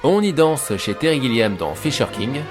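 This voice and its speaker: A man narrates a scripted film video essay as its host. He has a mid-pitched voice and speaks informally, straight to the viewer. Soft music runs behind his voice-over. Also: very animated, moderate pace. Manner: informal, addresses viewers directly. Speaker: host of a film analysis show.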